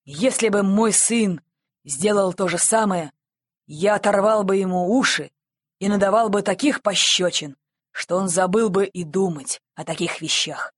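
A woman's voice: lowish voice, fairly even intonation, slow, breathy edge, no echo, clean studio sound. A woman voicing a stern male policeman who lectures a boy in a scolding, moralizing way.

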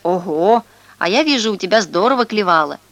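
A woman's voice: medium pitch, animated, brisk, fairly bright tone, no room sound. A woman reading a children's story aloud, voicing a little boy protesting his innocence. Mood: indignant. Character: little boy narrator, pleading and indignant.

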